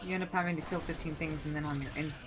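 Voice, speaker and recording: Her low voice moves at a quick pace with a steady tone as this woman streams a game, chatting casually and thinking aloud, alternating between muttering and exclaiming. Music sits behind her voice, and there's background noise.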